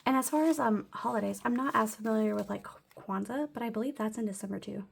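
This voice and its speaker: A woman's voice: a little high, fast talker, creaky, a little hiss or hum. A young woman vlogging her weekly cash budget, chatty and a little breathless as she counts bills aloud and laughs often. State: slightly out of breath. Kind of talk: casual budget vlog narration.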